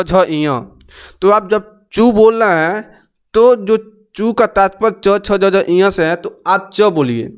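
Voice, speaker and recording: A young male teacher with a high, clear, smooth voice. He walks learners through exam grammar step by step, repeating each sound and drilling it with them. Patient, explaining tone. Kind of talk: exam-prep grammar lesson.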